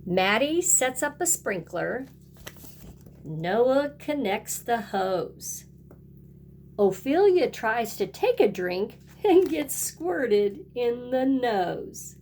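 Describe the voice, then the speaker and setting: A woman's voice: fairly high pitch, big pitch swings, drawn-out words, darkish tone, slight background noise. A woman kindergarten teacher reading a picture book aloud and talking directly to young children in a sing-song way.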